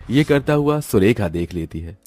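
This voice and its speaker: Male storyteller, very deep, dry studio read, steady narration for a cartoon. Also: moderate pace, no echo.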